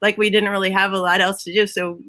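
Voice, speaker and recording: Bright-voiced Minnesotan woman chatting. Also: medium pitch, level tone, fast talker, dry recording. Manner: chatty, laughs often, restarts sentences. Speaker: guest, Broadway head of props. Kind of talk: casual interview chat. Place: her home.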